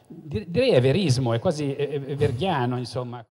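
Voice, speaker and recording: On a stage in a large hall, a middle-aged author speaks on a casual panel through a handheld mic, thoughtful, hesitant and self-ironic. His medium-pitched voice is animated and darkish at a normal pace. A long hall reverb colors the recording.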